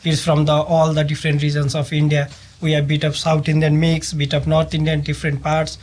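A man's voice: on the high side, completely flat delivery, fairly quick, a little mellow. A man from Nepal, a sous chef, explaining things hesitantly with many fillers in a casual interview.

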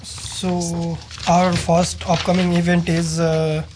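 A man's voice: on the high side, completely flat delivery, takes it slowly, noisy background. A man from Nepal, a sous chef, explaining things hesitantly with many fillers in a casual interview.

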